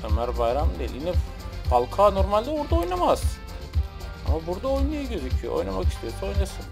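A man streaming a football video game, giving casual, excitable commentary and talking to the game and his chat. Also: high-pitched, quick pace, creaky, over music. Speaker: gaming streamer.

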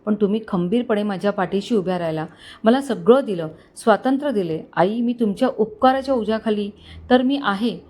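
A woman's voice: mid-range voice, fairly quick, a little mellow, close to an everyday voice. A woman voicing a tearful young wife. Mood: pleading. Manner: pleading, emotional. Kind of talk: storybook dialogue.

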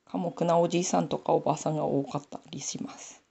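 Knitting a sock on camera, this Aomori woman talks to herself in her Nanbu accent, giving the clip the feel of a casual tutorial. She has a low, dark, creaky voice with a breathy edge, speaking quickly and with fairly even intonation.

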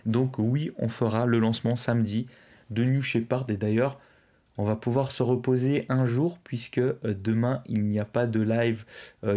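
A man's voice: mid-range voice, dark tone. A young man hosting a live stream, casually chatting and reading out viewers' messages. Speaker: livestream host. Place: indoors, at a streaming desk.

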